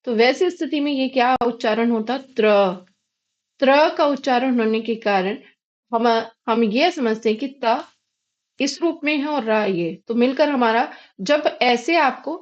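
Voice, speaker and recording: High-voiced Indian woman teaching grammar. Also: measured pace, lo-fi sound. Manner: patient, asks and answers her own questions. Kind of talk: explanatory grammar lesson.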